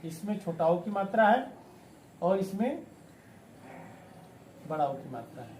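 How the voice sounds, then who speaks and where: Slow, high-voiced male teacher. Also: sing-song, a little mellow, slight background noise. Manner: slow, patient explaining, counting syllables aloud. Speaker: Hindi teacher. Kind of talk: classroom lesson on poetic meter. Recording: echoey room with faint ambience.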